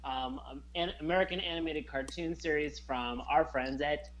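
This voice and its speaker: A man's voice: fairly high pitch, moderate pace, a bit bright, dull audio, a little hiss or hum. A man co-hosting a casual podcast, talking in a rambling, hesitant way with many fillers. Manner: rambling, hesitant, lots of ums. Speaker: podcast co-host.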